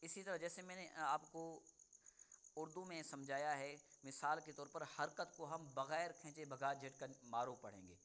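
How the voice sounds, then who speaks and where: A man teaching Quran reading in an online lesson, patiently explaining and then slowly modelling each sound for the student to repeat. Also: on the high side, fairly bright tone, a little hiss or hum.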